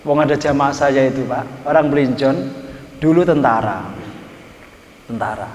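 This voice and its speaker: A man's voice: mid-range voice, moderate pace, a little mellow, slight background noise. A man preaching a sermon, telling folksy stories and teasing his listeners. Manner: folksy storytelling, teasing the audience. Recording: echoey hall from far off.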